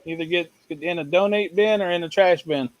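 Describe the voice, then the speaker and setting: A man's voice: high voice, a little fast, highs cut off. A man co-hosting a live stream, chatting casually and answering in short, laconic replies. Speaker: co-host.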